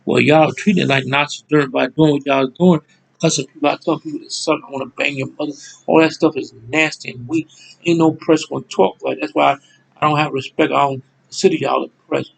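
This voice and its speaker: Angry guy ranting at his viewers, gravelly fry in his voice, cusses a lot. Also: on the high side, steady tone, fast talker, low-quality recording. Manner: ranting, repetitive, cursing, addresses viewers as y'all. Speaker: channel host. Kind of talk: angry monologue to camera.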